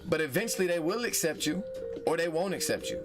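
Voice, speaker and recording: A man's voice: fairly high pitch, expressive, fast talker, music in the background. A man hosting a casual advice vlog, heated and profane, who repeats phrases for emphasis. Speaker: vlog host.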